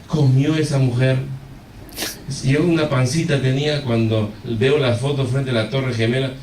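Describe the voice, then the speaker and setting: A man's voice: medium pitch, fairly even intonation, moderate pace, darkish tone, slight background noise. A man pastor preaching a sermon, telling a story with animation and speaking straight to the congregation. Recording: echoey hall, far from the mic.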